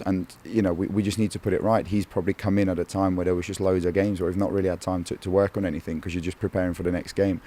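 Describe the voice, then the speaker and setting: A man's voice: deep voice, mellow. A man in his thirties, a goalkeeper in a post-match interview, talking earnestly with many fillers and repeated words.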